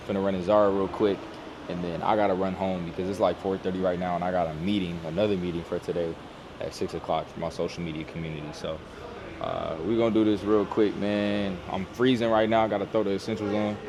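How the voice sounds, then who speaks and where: A man's voice: low voice, background noise. A young man casually vlogging to camera in a laid-back, slangy way. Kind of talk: casual vlog talk to camera. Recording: background music throughout.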